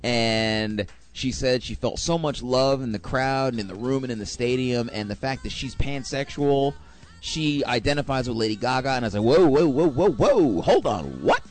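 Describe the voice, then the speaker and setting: A young man telling a rambling, animated anecdote, correcting himself as he goes. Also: mid-range voice, moderate pace, faint music behind. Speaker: storyteller. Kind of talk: casual anecdote.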